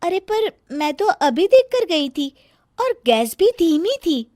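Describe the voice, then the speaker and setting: A woman's voice: very high voice, sing-song, slow, a little mellow, no room sound, studio quality, pitched above the performer's own voice, heavily acted. A woman voicing a clever, cheeky young daughter in a cartoon, breezy and teasing.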